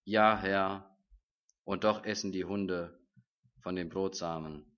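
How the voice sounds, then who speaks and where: A man's voice: low voice, fairly even intonation, slow, pitched below the performer's own voice. A man voicing a desperate, humble foreign mother as he reads a scripture story aloud, on a dull lo-fi recording.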